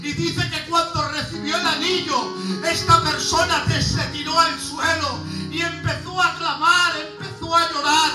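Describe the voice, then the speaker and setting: A man from preaching an emphatic sermon that builds to shouts. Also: very high-pitched, little pitch movement, a little slow. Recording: echoey hall, far mic, music behind.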